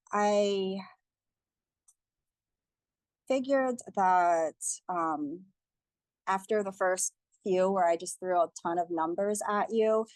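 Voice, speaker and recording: A woman's voice: mid-range voice, no room sound. A young woman giving a community teach-in presentation, speaking earnestly and steadily as she reads figures and a testimony aloud.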